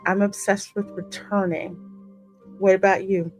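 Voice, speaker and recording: Over game music, a woman hosting a playthrough performs the player character's lines dramatically, then reacts casually in between. Her mid-range voice is flat, mellow, and a little slow.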